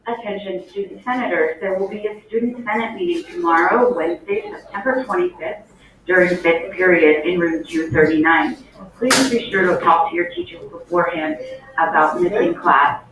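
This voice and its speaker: A school announcer reading the daily announcements over the intercom in a clear, measured way, repeating the key details. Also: medium pitch. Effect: school intercom loudspeaker. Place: classroom, heard through a ceiling speaker. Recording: echoey distant loudspeaker in a noisy classroom.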